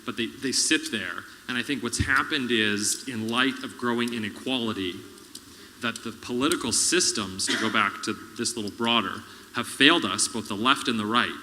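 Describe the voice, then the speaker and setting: A man's voice: medium pitch, moderate pace, bright, forceful tone. A man speaking earnestly and reflectively on a public panel. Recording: reverberant hall, faint noise.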